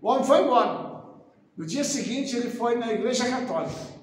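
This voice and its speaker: A man's voice: very high voice, animated, fairly quick. A man preaching a sermon to his congregation, telling a story with acted-out quotes. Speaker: pastor. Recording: echoey hall, faint noise.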